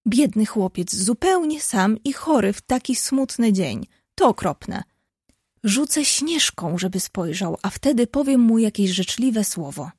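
A woman reading an audiobook, voicing a bold, kind-hearted teenage girl who talks frankly and briskly. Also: medium pitch, expressive, a little mellow, breathy edge, no room sound, clean studio sound.

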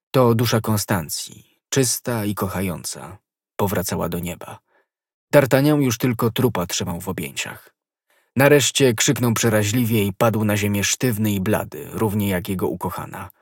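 A man narrating an audiobook in a measured, dramatic reading. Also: fairly low pitch, husky, no room sound, clean studio sound.

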